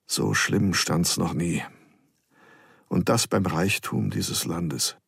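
A worn-out old emperor, stiff with gout, issuing clipped fatherly orders, as a male audiobook reader puts him on. The voice is gravelly and a bit husky, in a dry, close studio sound. Stern but tired, never raising itself far. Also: fairly low pitch, animated, a little slow, no echo, exaggerated voice. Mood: brooding. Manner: terse, tired paternal commands. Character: aging gout-ridden former emperor, weary, stern.

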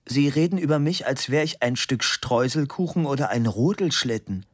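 Ein Mann, der in einer Hörbuchlesung einen gereizten, empörten Mann in den Dreißigern spricht. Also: male voice, medium pitch, lively intonation, moderate pace, voice pushed up, lightly acted. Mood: indignant. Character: indignant man in his thirties.

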